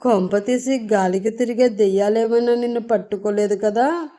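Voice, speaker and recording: A woman's voice: a little high, normal speed, dark tone, close to an everyday voice. Woman doing a timid, teary henpecked husband. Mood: timid, pleading. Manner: fearful, tearful pleading.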